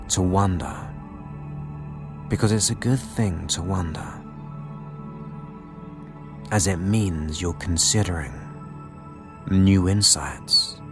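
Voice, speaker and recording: Man, low-pitched voice, slow guided hypnosis delivery, soothing, short phrases with long pauses, new-age music behind. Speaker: guided meditation host. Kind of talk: guided relaxation hypnosis narration.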